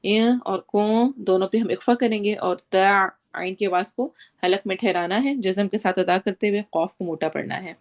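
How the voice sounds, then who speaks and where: A woman teaching tajweed, reciting Quranic verses slowly and drawn out, then explaining each rule in brisk Urdu with a Pakistani accent. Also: medium pitch. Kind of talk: tajweed lesson, slow chanted recitation between quick spoken explanations.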